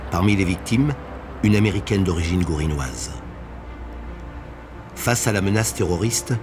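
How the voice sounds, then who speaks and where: A man reading scripted documentary narration in a measured, even way. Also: low-pitched, noisy background.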